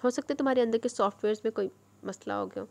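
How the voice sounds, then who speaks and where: Woman doing bold young husband, playful teasing, raised pitch, raspy edge. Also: darkish tone, close to an everyday voice. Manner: teasing, assured.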